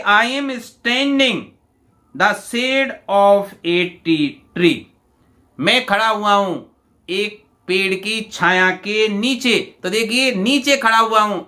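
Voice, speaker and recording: A man teaching a grammar lesson for an exam paper, explaining step by step with many rhetorical questions and reading example sentences slowly and deliberately. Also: sits high, pushed and bright. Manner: addresses students as "bhai". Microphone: voice-over while writing on a tablet.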